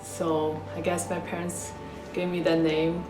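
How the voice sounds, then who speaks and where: A woman's voice: on the low side, level tone, a little slow, reverberant, music in the background. A young woman from Hangzhou, China, explaining things earnestly in an interview. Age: young adult. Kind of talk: casual interview answers.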